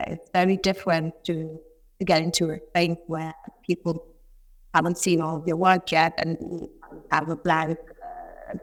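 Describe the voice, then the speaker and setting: Lower-pitched woman on a video call. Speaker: artist in residency, interview guest. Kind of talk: reflective interview answers on a video call. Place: remote art residency studio, on a video call.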